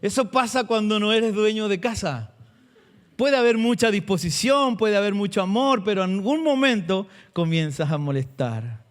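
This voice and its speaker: A male pastor preaching a sermon, asking the congregation questions and slowing down to stress key words. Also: high-pitched, lively intonation.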